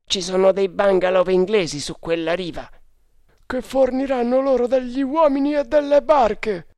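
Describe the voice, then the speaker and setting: A man's voice: high-pitched, moderate pace, vocal fry, no room sound, pitched above the performer's own voice. A wary oarsman calling out urgent warnings from the boat, as a storyteller puts him on. The voice jumps well above the reader's usual tone and sounds strained. The sound is dry and close. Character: wary male rower, urgent companion.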